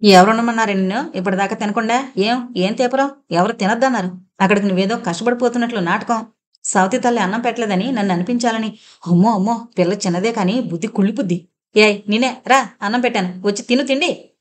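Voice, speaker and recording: Bitter stepmother in an audio novel, rapid and shrill, read by a woman. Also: fairly even intonation, close to an everyday voice. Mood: scolding. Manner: scolding, shrill and fast. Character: sharp-tongued jealous middle-aged stepmother.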